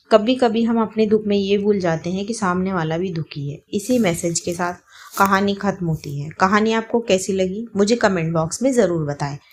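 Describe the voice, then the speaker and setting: A woman narrating a moral family story in a calm, even storytelling manner. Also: mid-range voice.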